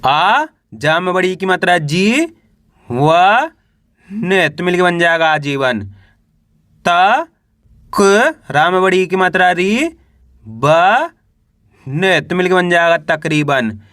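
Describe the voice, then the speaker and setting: A man teaching a reading lesson, slowly spelling out words syllable by syllable and then blending them, with frequent drill questions to the viewer. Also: sits high, expressive, fairly bright tone, no room sound, clean studio sound. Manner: slow syllable-by-syllable spelling with drawn-out vowels; repeats "how will we read it?" drills.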